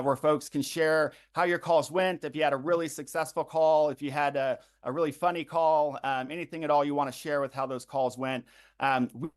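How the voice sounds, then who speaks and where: A man organizing a phone bank, walking volunteers through a calling script with frequent ums and uhs. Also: fairly high pitch. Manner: frequent ums and uhs, repeats web addresses slowly. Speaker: campaign organizer leading a phone bank livestream. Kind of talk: instructional briefing to volunteers.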